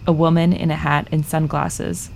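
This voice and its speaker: Female narrator, deep with vocal fry, measured scripted news storytelling. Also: a little hiss or hum. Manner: measured, even storytelling delivery.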